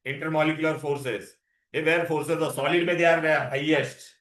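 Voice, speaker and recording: A man's voice: a little high, fairly even intonation, moderate pace, fairly bright tone. A man with an Indian accent teaching an interactive science lesson, mixing Hindi words into English and often asking questions to prompt answers. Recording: echoey, roomy sound.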